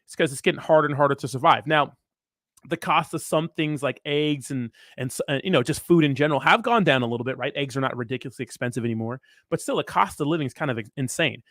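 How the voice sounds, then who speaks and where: A man's voice: a little high, quick pace, fairly bright tone, dry recording, studio quality. A man hosting a casual livestream, talking with hyped frat-bro slang and swagger. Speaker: crypto livestream host.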